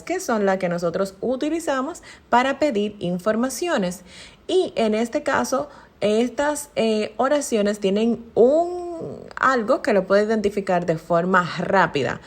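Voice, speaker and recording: Woman teacher, animated pitch, explanatory lesson delivery with filler pauses. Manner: explanatory, uses many fillers and examples.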